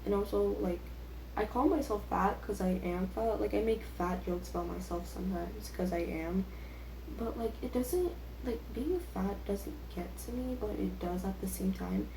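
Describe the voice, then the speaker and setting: Recorded in an echoey room with a little background noise, a teenage vlogger chats and rambles, using lots of filler words and poking fun at herself in a youthful way. She speaks at normal speed in a mid-range voice.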